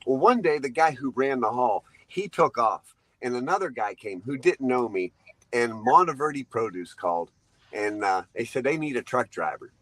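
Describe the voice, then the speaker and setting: A man's voice: medium pitch, expressive, moderate pace, a bit bright, no room sound, rough recording. A man in his fifties, a truck driver guest, tells long rambling anecdotes, laughing often and acting out what people said. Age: 50s. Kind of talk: storytelling interview.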